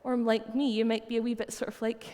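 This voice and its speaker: A woman's voice: a little high, little pitch movement, quick pace, dark tone. Scottish woman preaching in a reverberant church. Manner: conversational, anecdotal storytelling. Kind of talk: sermon. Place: church hall.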